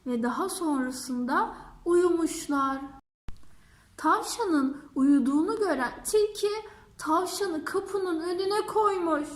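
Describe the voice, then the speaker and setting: High-voiced woman reading a children's tale. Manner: slow, warm-paced storytelling. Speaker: storyteller. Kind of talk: children's fairy tale narration. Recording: echoey room.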